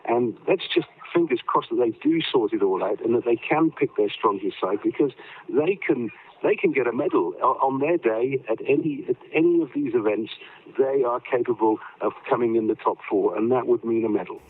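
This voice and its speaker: A man answers sports questions over a video call, and the audio is thin and phone-like. He is a rugby commentator who talks at an average pitch. He stops often to say um and starts his sentences over. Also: moderate pace, slightly rough. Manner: hesitant, with many fillers and restarts. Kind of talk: remote news interview.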